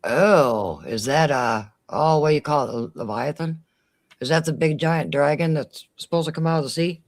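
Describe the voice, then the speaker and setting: A woman co-hosting a casual live stream, reading out chat messages and tossing in quick exclamations and jokes. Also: low voice. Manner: chatty, quick to exclaim, jokey asides.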